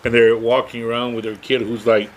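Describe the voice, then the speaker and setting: A man's voice: mid-range voice, flat delivery, a little fast, a little hiss or hum. Rambling, swearing middle-aged man. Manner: swears freely, rambling, laid-back. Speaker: podcast co-host. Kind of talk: casual chat.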